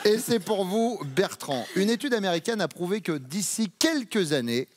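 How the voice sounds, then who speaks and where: A man hosting a game show, teasing the contestants with quick jokes in a studio. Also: sits high, big pitch swings. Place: TV studio with audience. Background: studio audience laughter.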